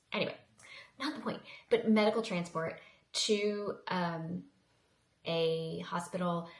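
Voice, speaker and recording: A woman in her thirties, a high school teacher, chatting casually in a vlog, rambling with restarts and asides. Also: echoey room.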